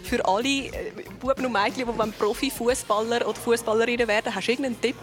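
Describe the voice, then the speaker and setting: A fast-talking woman with a Swiss German accent and a slightly high, fairly even voice hosts a children's surprise show, chattily presenting and interviewing for kids. Soft music plays behind her.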